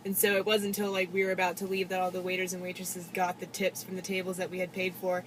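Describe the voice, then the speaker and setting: A woman from a church outreach team chatting in a relaxed, run-on way. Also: on the low side, fast talker, background noise. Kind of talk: casual chat.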